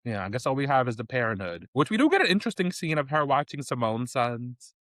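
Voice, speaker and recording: Lively man recapping a TV show, laughing. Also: medium pitch, quick pace, dry recording. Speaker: podcast co-host. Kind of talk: casual chat.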